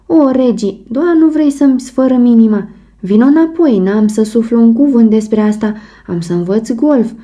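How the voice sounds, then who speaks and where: A woman's voice: dark tone, close to an everyday voice. A woman narrator voicing a distraught, jealous wife who wails and pleads tearfully. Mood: hysterical pleading. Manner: wailing, pleading, shrill. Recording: muffled audiobook recording.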